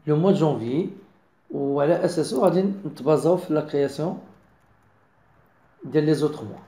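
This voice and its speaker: A man with a Moroccan accent giving a software design tutorial, mixing in French words and often checking that viewers follow. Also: fairly high pitch, creaky, reverberant. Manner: mixes French into explanations, keeps checking understanding. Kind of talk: screen-recorded software tutorial.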